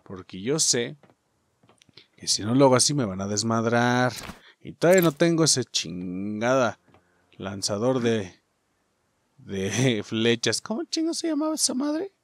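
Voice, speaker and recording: A man's voice: medium pitch, slow pace, long pauses. A man with a Mexican accent commenting casually on a video game, joking, swearing, and talking to his viewers. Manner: profane, joking, talks to viewers as "muchachos". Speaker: gaming YouTuber. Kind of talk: casual let's play commentary.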